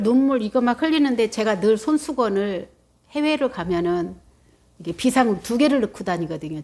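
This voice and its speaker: A woman Buddhist nun giving a dharma talk, telling a personal story in a lively way, acting out quotes with gasps. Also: a little high. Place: meditation center.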